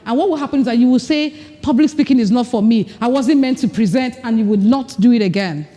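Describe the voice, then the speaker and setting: A fast-talking woman with a fairly high, mellow voice coaches a live workshop with breathing exercises at a women's leadership retreat, speaking directly and acting out mock dialogue. She is recorded on an unamplified recording mic in a large event hall with an audience, with long reverb.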